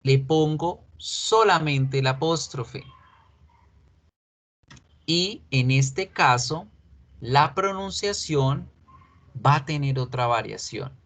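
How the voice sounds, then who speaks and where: A man teaching a recorded online language class, talking at an unhurried, measured pace in a mid-range voice. He stops to ask the students questions and says each example sentence slowly, more than once, so they can copy it. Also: mid-range voice, lively intonation, a bit bright, poor audio. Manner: patient, repeats example sentences slowly for pronunciation; asks students questions and checks understanding. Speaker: English teacher.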